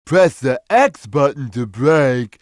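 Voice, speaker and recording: A man voicing a big, gentle, slow-witted cat in a video game, with a simple, childlike, drawn-out delivery. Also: mid-range voice, animated, no echo, studio quality. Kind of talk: video game character voice lines.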